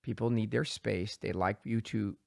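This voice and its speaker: A man's voice: fairly low pitch, fairly even intonation, normal speed, gravelly, a little mellow, dry recording. A man in his forties hosting a studio podcast, talking in a direct, earnest way that often breaks off and restarts. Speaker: podcast host, surgeon. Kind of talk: casual interview chat. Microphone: handheld studio mic.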